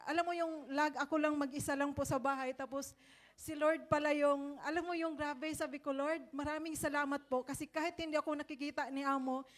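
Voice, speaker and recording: A woman sharing a personal testimony of thanks at a church gathering, retelling events with lively quoted dialogue. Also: high-pitched. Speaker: church member giving testimony.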